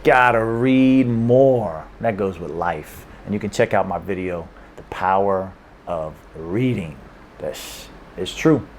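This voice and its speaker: Taking his time, a deep-voiced man speaks expressively over a faint hiss or hum from a Hong Kong room. His language-learning advice to camera is casual and rambling, full of repetition, restarts and little chuckles.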